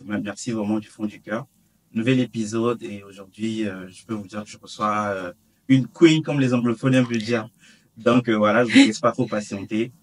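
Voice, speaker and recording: Guy hosting a podcast, low voice, lots of ums, easygoing. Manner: hesitant, many fillers. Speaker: podcast host. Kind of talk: casual interview chat.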